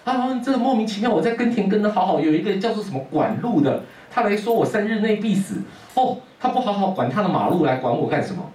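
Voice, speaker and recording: A man's voice: on the high side, big pitch swings, moderate pace, voice pushed up. A man doing a whiny young farmer. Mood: indignant. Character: indignant young farmer, nineteen, male. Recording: roomy classroom from a distance.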